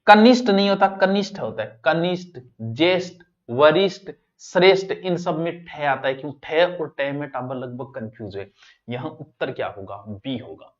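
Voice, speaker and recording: Rajasthani guy teaching an exam prep class, kinda high voice, loud then quiet, muffled lo-fi sound. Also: normal speed. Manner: lively, swings between loud and soft, addresses students directly. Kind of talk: exam-prep grammar lesson. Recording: dull lo-fi online class audio.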